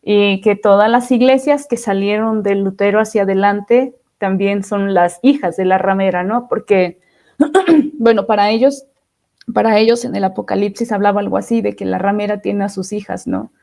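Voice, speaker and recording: Reflective woman, mellow voice. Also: medium pitch, fairly even intonation, normal speed, vocal fry. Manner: reflective, often ends phrases with "¿no?". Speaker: podcast guest. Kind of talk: testimony interview.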